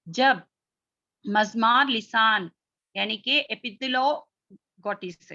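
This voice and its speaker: A woman teaches a recitation class in a bright, fairly high voice, explaining step by step. She often pauses to ask whether her students understand, and she drags out the letter sounds to demonstrate them. The audio is dull and lo-fi. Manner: explains step by step, checks understanding with repeated "theek hai" and "hm?". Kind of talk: online class lesson.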